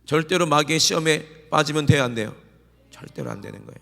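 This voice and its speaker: Male pastor, raised pitch and gravelly edge, sermon in a reverberant sanctuary, calls for amens. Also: wildly swooping pitch, quick pace. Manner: preaching with rhetorical questions and calls for amen; swings from low murmurs to loud exclamations.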